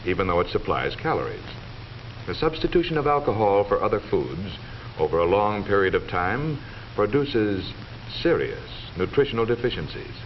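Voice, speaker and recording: A deep-voiced American man narrates a scripted 1940s educational film, his delivery formal, measured, and authoritative. The vintage soundtrack is dull, with faint noise.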